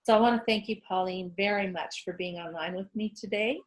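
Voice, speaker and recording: A woman's voice: mid-range voice, brisk, rough recording. Upbeat woman hosting an interview. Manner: upbeat, affirming, promotional. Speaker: host, life coach. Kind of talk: online interview.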